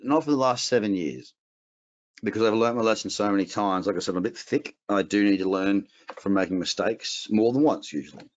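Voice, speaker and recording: A man's voice: lowish voice, fairly quick. A man with an Australian accent teaching a casual trading webinar, blunt and rambling, with frequent restarts. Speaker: trading educator. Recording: dull lo-fi webinar audio.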